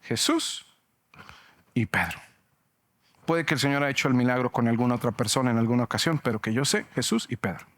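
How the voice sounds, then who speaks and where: A male pastor preaching a sermon, animated and joking, acting out shouts from the story. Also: medium pitch, quick pace. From Mexico.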